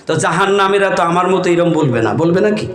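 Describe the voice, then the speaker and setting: A man's voice: sits high, expressive, fast. A man preaching a sermon to a crowd in rural spoken style, chanting verses and prompting the listeners to respond. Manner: calls on the crowd to answer and shout along; rural spoken Bengali with vivid storytelling. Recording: echoey hall.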